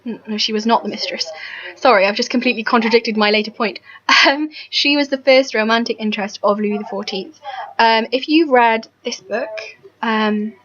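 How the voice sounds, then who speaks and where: Tired woman, casual self-deprecating vlog ramble, higher voice, dull lo-fi recording. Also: normal speed, a bit bright. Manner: chatty, self-deprecating, lots of ums and restarts. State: tired, early morning. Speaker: history vlogger. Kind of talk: casual rambling talk to camera.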